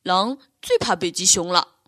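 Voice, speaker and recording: A woman's voice: lowish voice, moderate pace, bright, forceful tone, slight background noise. A woman voicing a friendly, brave little male polar bear cub who talks eagerly and reassuringly in a bedtime storybook.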